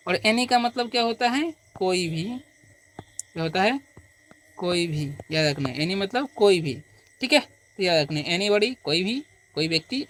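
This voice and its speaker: A man teaching beginner English, explaining slowly and patiently and answering his own questions again and again. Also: high voice, fairly bright tone, a little hiss or hum. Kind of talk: beginner language lesson.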